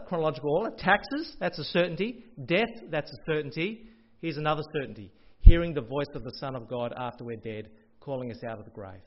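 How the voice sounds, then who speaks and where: A man preaching a sermon as pastor, expressive and rising to loud proclamations. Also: fairly high pitch. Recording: dull lo-fi audio.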